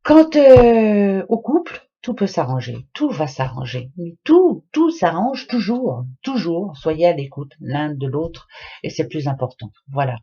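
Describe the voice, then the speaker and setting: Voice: medium pitch, big pitch swings, a little slow, dark tone, breathy edge, dull audio. A tarot card reader giving a casual, chatty astrology reading in French, padding every phrase with hein and voilà and repeating key words for emphasis.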